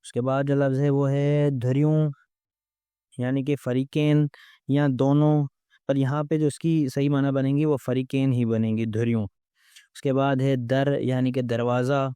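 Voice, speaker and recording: A man teaching a vocabulary lesson, explaining word meanings one by one with steady repeated phrasing. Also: medium pitch, clear, resonant tone, no room sound.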